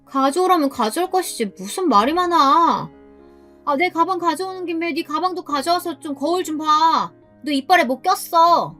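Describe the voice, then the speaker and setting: A woman's voice: very high-pitched, animated, moderate pace, bright, forceful tone, soft background music, voice pushed up, exaggerated voice. A woman voicing a bossy, slightly tipsy young woman friend who talks down to others. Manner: bossy, condescending.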